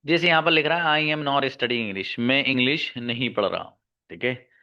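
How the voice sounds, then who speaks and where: Bright-voiced Hindi English teacher, slow drills. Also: male voice, mid-range voice, dull audio. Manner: repeats key words slowly, asks and answers his students' questions himself; calls listeners "babu" and "my friend". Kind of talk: online grammar lesson in Hindi.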